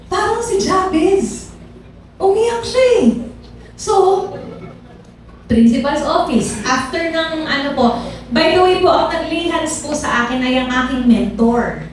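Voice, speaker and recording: A woman's voice: high voice, a little hiss or hum. A woman giving her personal testimony in church, talking conversationally to the congregation and asking them rhetorical questions. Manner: conversational, code-switching, addresses audience with rhetorical questions. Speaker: testimony speaker. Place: large church hall. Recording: echoey hall from far off.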